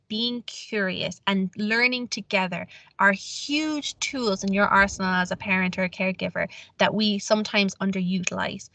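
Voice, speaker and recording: Bright-toned woman presenting. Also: on the high side, no room sound. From Ireland. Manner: earnest, many fillers and restarts. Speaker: webinar presenter on online safety. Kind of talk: webinar talk.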